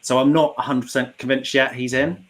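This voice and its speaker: A man's voice: medium pitch, steady tone, brisk, a bit bright. A British man on a podcast panel, casually and methodically talking through his reasoning. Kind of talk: casual discussion.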